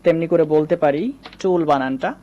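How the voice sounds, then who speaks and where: A man's voice: fairly high pitch, steady tone, a little fast, warm tone, dull audio. A man teaching English reading, patiently repeating each example word and answering his own questions. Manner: asks rhetorical questions and answers them. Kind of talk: online pronunciation lesson.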